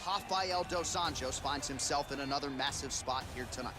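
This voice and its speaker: A man's voice: medium pitch, moderate pace, over music. A man calling a fight as the play-by-play commentator, in live sports broadcast style. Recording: very noisy live arena broadcast.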